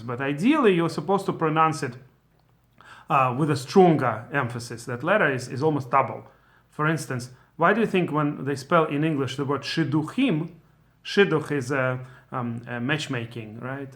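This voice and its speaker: Man teaching with frequent pauses. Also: a little high, a bit bright. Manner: explains patiently with many fillers and restarts. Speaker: Torah teacher. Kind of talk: casual spoken lesson.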